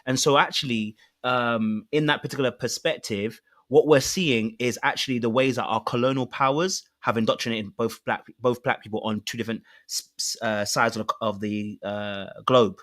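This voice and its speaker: A man's voice: mid-range voice, fairly even intonation, a bit bright. British male panelist, mid-range voice, talks through points with examples. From Britain. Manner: measured, explanatory, builds points with examples. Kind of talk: casual panel discussion.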